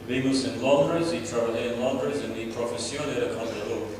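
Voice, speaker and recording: An older Australian man who is a native English speaker gives a personal testimony as a guest preacher in a second language. He speaks deliberately in a medium pitch, searching for words and pausing for an interpreter. A distant mic in an echoey hall picks up crowd noise, and the recording is noisy.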